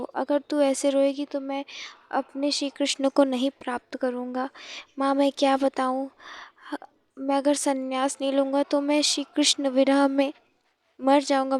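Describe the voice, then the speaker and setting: A woman voicing a gentle young male ascetic who tearfully consoles his mother in a devotional story. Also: high-pitched, monotone, a little slow, dry recording. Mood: consoling. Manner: soft, consoling.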